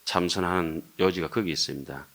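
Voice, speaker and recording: A man's voice: low-pitched, fairly quick, a bit bright. An older Buddhist monk with a Gyeongsang Korean accent giving an earnest dharma lecture, posing rhetorical questions and joking with his listeners.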